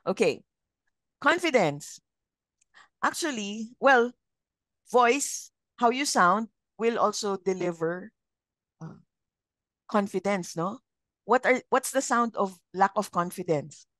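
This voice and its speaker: A middle-aged woman with a Filipino accent leading a communication training session, speaking in a measured, modulated trainer voice and putting questions to her learners. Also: mid-range voice, expressive, a bit bright, dry recording. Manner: interactive, asks learners questions. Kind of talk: live training session, mixing English and Filipino.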